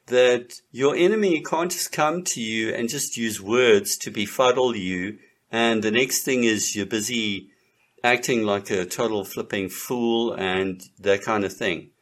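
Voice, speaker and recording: A man's voice: mid-range voice, fairly bright tone. A man delivering a lecturing monologue in an emphatic, repetitive and contemptuous manner.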